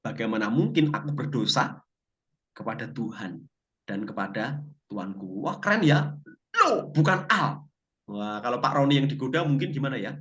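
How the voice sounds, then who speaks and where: A man's voice: medium pitch, normal speed, lo-fi sound. A man teaching a Bible language class, telling stories with jokes and asking the class questions. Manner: lively storytelling, asks class questions.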